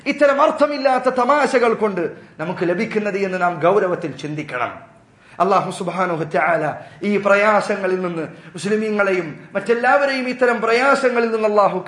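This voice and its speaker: A man's voice: very high-pitched, fairly bright tone, roomy sound. A male Islamic preacher giving an earnest, admonishing sermon and addressing his listeners as brothers.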